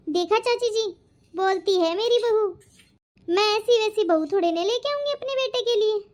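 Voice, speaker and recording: A woman voicing a proud, quick-tempered middle-aged mother-in-law in a cartoon, fussy and scolding. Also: extremely high pitch, darkish tone. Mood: defensive. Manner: scolding, fussy about her honour. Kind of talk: cartoon voice acting.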